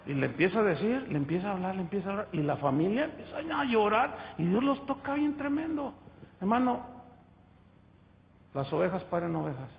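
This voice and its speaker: This pastor's high, gravelly voice is very animated and fairly quick, with a little hiss or hum. Telling his testimony as a story in a muffled, echoey hall, he calls his listeners "hermano" (brother) over and over.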